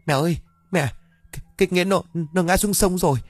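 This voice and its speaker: Man doing a scared young girl, raised pitch, tearful pleading, anxious older sister, spoken ghost story. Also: quick pace, no room sound, faint music behind.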